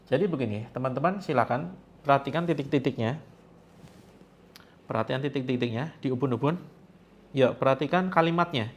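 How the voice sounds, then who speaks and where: Male therapy coach, mid-pitched, leads a guided tapping session with soothing, slowed prayer lines to repeat. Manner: slow, soothing instructions with prayer phrases to repeat. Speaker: spiritual healing coach.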